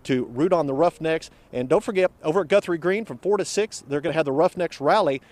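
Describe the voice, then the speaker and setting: A man presenting TV news in a brisk, promotional way. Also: fairly high pitch, a little mellow. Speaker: news anchor.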